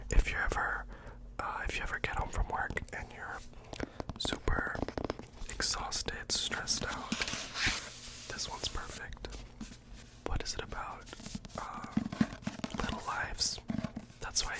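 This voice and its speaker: Whispered role-play: deadpan librarian recommending books, fully breathy whisper, mock-earnest, slightly hesitant. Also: a little slow, long pauses, rough recording. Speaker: ASMR performer playing a librarian recommending books.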